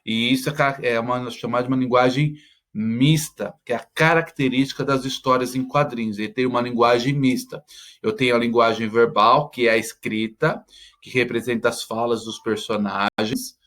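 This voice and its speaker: A man's voice: medium pitch, steady tone, normal speed, a bit bright. Man explaining exercises, constant "tá?". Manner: checks in constantly with "tá?". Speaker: teacher.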